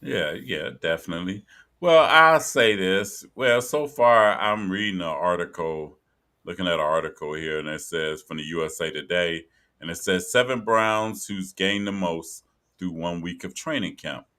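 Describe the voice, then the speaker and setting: A man's voice: sits low, fairly even intonation, moderate pace, bright, forceful tone. A man hosting a casual sports talk show, chatting loosely and repeating phrases for emphasis. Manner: conversational, reads from an article, repeats phrases for emphasis. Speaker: sports podcast host.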